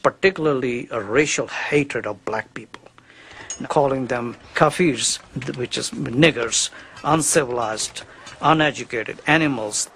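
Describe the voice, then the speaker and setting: A man's voice: medium pitch, measured pace, a bit bright, a little hiss or hum. A man giving an interview as a researcher, speaking in an earnest, accusatory way.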